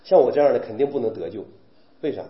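A man's voice: medium pitch, animated, quick pace. A man preaching a sermon, firing rhetorical questions and acting out weeping believers. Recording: roomy, dull recording.

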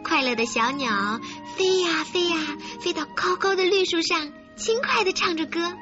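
Woman, children's story host, high voice, expressive and coaxing, muffled recording with faint music behind. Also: normal speed. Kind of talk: storytelling narration for young children.

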